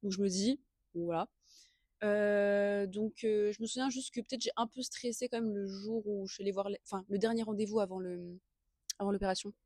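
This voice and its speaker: A young woman chats casually as a podcast co-host. She rambles through personal stories with lots of slang and a giggly, informal manner. Her mid-pitched voice is recorded dry, with little room sound. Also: fairly even intonation, brisk, mellow, no echo. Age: early 20s. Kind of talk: casual chat, personal storytelling.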